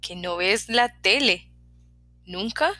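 A woman's voice: mid-range voice, slow pace, no room sound. A woman reading a chatty young hairdresser. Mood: teasing. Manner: talkative, prying, lively questions.

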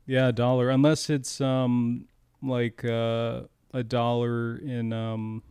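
Deadpan guy cohosting a podcast, smooth voice, dry close sound. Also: mid-range voice, takes it slowly, no room sound. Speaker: podcast co-host. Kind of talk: casual comedic chat.

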